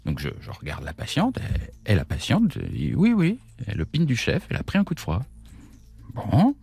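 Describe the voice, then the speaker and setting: Animated man telling a radio anecdote. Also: mid-range voice, moderate pace, gravelly, breathy edge. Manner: lively, theatrical storytelling with whispered asides. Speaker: storytelling expert. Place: radio studio.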